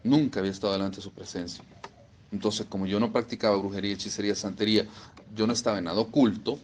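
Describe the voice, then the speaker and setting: A man's voice: fairly low pitch, steady tone, fast, a little hiss or hum. A man preaching a sermon, emphatic and repeating phrases for stress.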